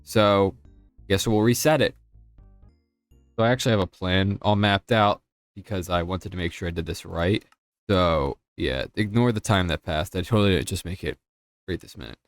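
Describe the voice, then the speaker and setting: A man's voice: smooth, dry recording, clean studio sound. A young man casually narrating his gaming progress in a chatty, self-mocking way. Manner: chatty, self-mocking, lively pitch swings. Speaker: gaming YouTuber.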